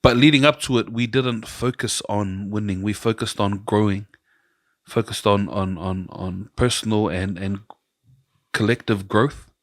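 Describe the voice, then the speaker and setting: A middle-aged man with a New Zealand accent hosts a casual podcast chat, his fairly low voice steady and his pace measured. He rambles through long stories and acts out the voices of the people he quotes. The recording is dry and studio quality.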